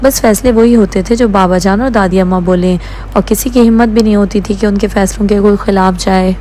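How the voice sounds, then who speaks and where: A woman's voice: medium pitch, fairly even intonation, dark tone, a little hiss or hum. A woman narrating a novel as an audiobook, reading every character's lines herself and changing her tone for the dialogue.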